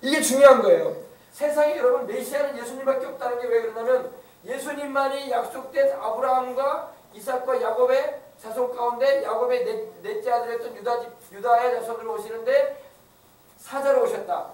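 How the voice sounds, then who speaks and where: High-voiced man preaching in an echoey church. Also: fairly even intonation, a little fast, distant mic. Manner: asks the congregation questions, emphatic preaching. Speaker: pastor. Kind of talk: sermon.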